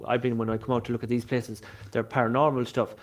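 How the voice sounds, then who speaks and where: A man's voice: mid-range voice, little pitch movement, fast. A man from Galway with a west of Ireland accent, chatting casually and ramblingly on a live vlog, often repeating himself. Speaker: live-streaming paranormal investigator showing historic sites.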